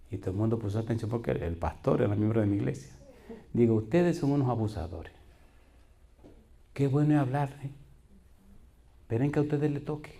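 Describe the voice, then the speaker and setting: A man's voice: mid-range voice, mellow. A middle-aged man, a pastor preaching a sermon, questioning the congregation and telling folksy stories with quoted voices. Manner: preaching with call-and-response questions.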